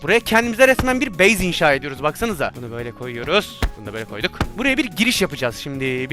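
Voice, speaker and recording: A very high-pitched man narrating a VR game in a quick, bouncy voice that leaps all over the place. His tone is bright and sharp, and he chatters excitedly to his viewers. Faint music plays underneath. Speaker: gaming YouTuber. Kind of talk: VR gameplay commentary.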